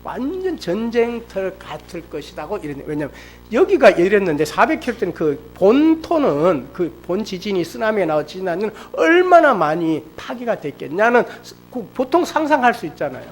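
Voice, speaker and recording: A middle-aged man preaching a sermon at a church service, telling a personal story with lively, acted-out storytelling. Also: high-pitched, moderate pace, few pauses. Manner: animated storytelling, acts out quoted speech. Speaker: pastor. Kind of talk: sermon testimony.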